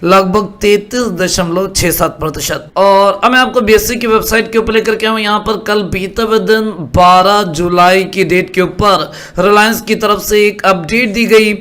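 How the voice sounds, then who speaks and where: Guy, kinda high voice, walking you through stock stuff, keeps asking if you get it. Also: normal speed, hardly any pauses, fairly bright tone. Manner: explanatory, asks "are you following me" often. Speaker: stock market commentator. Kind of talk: screen-share market commentary.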